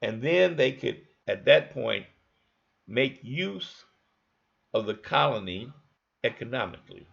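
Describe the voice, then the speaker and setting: Slow, gravelly man giving a history lecture. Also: medium pitch, sing-song, fairly bright tone. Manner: folksy, conversational, asks listeners to think along. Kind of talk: informal history lecture over maps. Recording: dull lo-fi recording.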